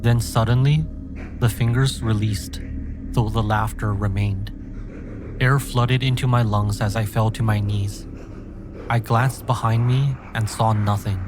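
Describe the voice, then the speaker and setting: A man reading a scripted scary story in a measured, dramatic first-person manner. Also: fairly low pitch, fairly even intonation, poor audio. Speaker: horror story narrator. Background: background music.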